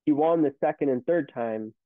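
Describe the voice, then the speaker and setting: With a fairly high pitch and moderate pace, a CEO in his thirties tells stories in an informal interview, rambling and often beginning again. The recording is dry and has a tinny, phone-like sound.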